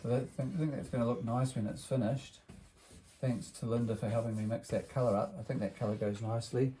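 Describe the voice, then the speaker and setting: As a builder in a workshop vlog for kids, a man explains things simply and checks in with tag questions, in the cheerful style of a party host. His voice is mid-range and steady, a touch fast, with slight background noise.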